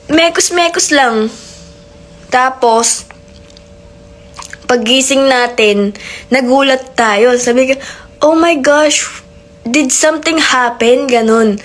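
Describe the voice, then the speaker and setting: A woman from the Philippines hosts a live stream and tells a long, playful made-up story. She talks slowly and rambles as she goes. Her voice sits a little high. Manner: playful, rambling, mixes Tagalog and English.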